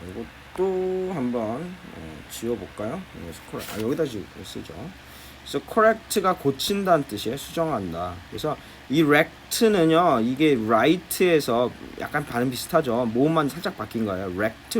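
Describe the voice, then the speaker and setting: Over slight background noise, a medium-pitched male teacher walks students through textbook listening for middle school English. His Korean explanations are lively, and "자" starts many of his sentences.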